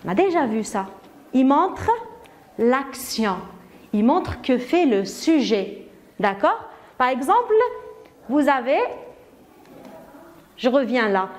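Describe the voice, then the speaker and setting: Slow, lively Moroccan woman teacher. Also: high-pitched. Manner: slow, questioning, praises pupils. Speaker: primary school teacher. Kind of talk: grammar lesson.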